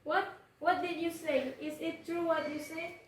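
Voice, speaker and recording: A woman's voice: extremely high pitch, steady tone, a little slow. A young woman with an Indonesian accent playing an earnest young male prince in a school drama. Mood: urgent. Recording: echoey room, distant mic, noisy.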